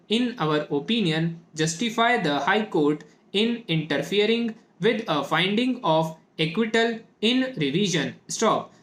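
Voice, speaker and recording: Indian male dictation instructor, native Hindi speaker, high voice, measured phrase-by-phrase dictating for shorthand practice, roomy echo. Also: a bit bright.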